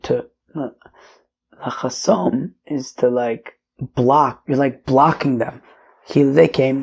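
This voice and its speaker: Losing his voice, a man of medium pitch teaches a daily Talmud lesson in a relaxed, chatty manner, his raspy, hoarse tone sometimes dropping to a whisper. He uses fillers and mixes in Hebrew and Aramaic terms.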